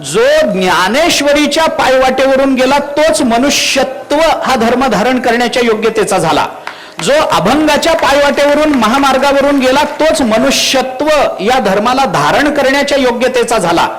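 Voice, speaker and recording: High-voiced Marathwada kirtan preacher. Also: male voice, animated, moderate pace, a bit bright, low-quality recording. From Marathwada, India. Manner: rhetorical questions to the crowd; quotes Sanskrit verses. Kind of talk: devotional kirtan discourse.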